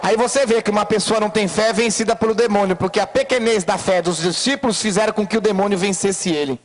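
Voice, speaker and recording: Male pastor, sermon, very high voice, fiery delivery with pauses. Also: in a large hall. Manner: preaching with rising shouts and dramatic pauses, acting out voices.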